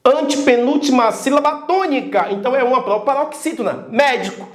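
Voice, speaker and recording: Energetic man teaching, calling out syllables. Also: very high-pitched, a little fast, reverberant. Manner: energetic, calls out syllables loudly. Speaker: Portuguese teacher. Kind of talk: video grammar lesson.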